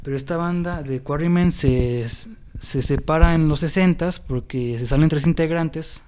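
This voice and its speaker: A young host with a Mexican accent chats about music history on a casual podcast, his fairly high voice smooth and a little mellow at a moderate pace. He tends to ramble, restarting often and using lots of fillers.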